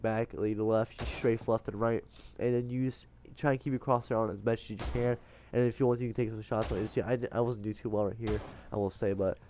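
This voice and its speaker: A man talks through gameplay tips in a casual, rambling way. His nose sounds completely blocked, so the voice is congested and mouth-breathed. The tone is soft-edged and mellow at a medium pitch, with faint noise on the recording. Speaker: gaming video host. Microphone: voice-over dubbed onto game footage.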